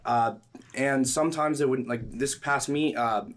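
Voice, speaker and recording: A young man chatting on a podcast, halting and filler-heavy as he talks about dieting. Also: medium pitch, a little hiss or hum. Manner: hesitant, lots of fillers and restarts. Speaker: powerlifter guest. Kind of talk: casual podcast chat.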